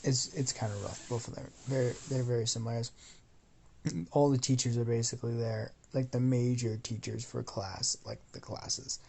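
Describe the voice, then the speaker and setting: A man's voice: medium pitch, flat delivery, moderate pace, vocal fry, a little mellow. A sleepy young man rambling as he narrates a fan-fiction story, full of fillers and restarts.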